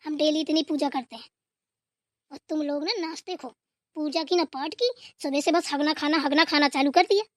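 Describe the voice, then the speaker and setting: A woman's voice: high-pitched, fairly even intonation, normal speed, dry recording, studio quality, close to an everyday voice. A woman voicing a grumpy older mother-in-law who nags and scolds in a comic family skit. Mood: scolding. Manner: bossy, nagging scolding.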